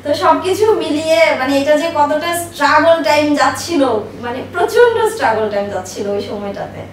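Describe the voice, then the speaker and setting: An animated woman in her thirties with a high voice talks a little fast while recounting personal stories as a guest in an interview. She owns a business and leans on emphasis and repetition to stress things. The recording is echoey, with a distant mic and faint noise.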